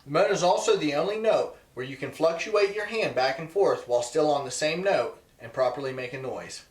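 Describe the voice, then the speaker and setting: A man's voice: a little high, expressive, a little fast. A man presenting an instructional video to viewers, emphatic and repeating key points for stress. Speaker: presenter teaching goose calling. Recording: echoey, roomy sound.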